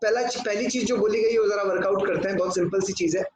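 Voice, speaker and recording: In a classroom lecture, a man works through sums on a board, asking the students questions and answering them himself while mixing in English. His high voice has fairly even intonation, a quick pace, and a slightly mellow quality. The room is echoey, with clear noise.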